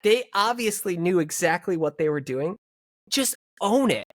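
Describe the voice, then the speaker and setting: A man's voice: high voice, animated, normal speed, no room sound, studio quality. Emphatic male sports podcast co-host. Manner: emphatic, opinionated, trailing restarts. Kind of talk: casual sports podcast chat.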